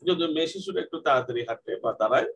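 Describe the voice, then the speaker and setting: A man teaching English grammar in Bengali, asking questions and answering them himself, and reading English example sentences slowly. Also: a little high, animated, breathy edge, rough recording.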